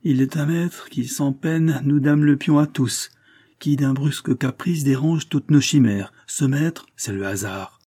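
A man's voice: medium pitch, a little slow, mellow, slightly rough, voice pushed up. A man voicing a sly masked detective who answers with bold, ironic defiance. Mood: musing.

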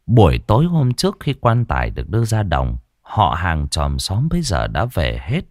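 A man narrating a ghost story dramatically, with long pauses. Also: low-pitched, wildly swooping pitch, a little mellow, no echo, studio quality.

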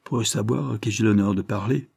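A man's voice: lowish voice, a little fast, creaky, a little mellow, husky, no room sound, clean studio sound. A man voicing an ironic, ceremonious young male engineer who speaks in a mock-formal, wry way.

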